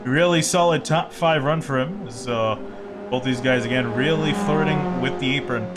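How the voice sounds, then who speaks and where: A man's voice: medium pitch, normal speed, loud music behind the voice. A man giving conversational, analytical motorsport commentary on a live sim race.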